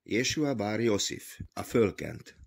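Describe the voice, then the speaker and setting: A man voicing a proud, defiant ancient man who has repented, speaking calmly and firmly in an audiobook reading. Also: lowish voice, gravelly, breathy edge, voice pushed up, exaggerated voice. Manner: calm, firm, stubborn.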